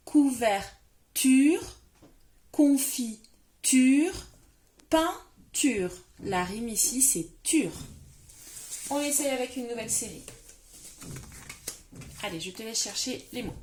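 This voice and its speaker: A woman teaching a phonics lesson to young children. She stretches and stresses the final syllables of words. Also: mid-range voice. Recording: echoey room.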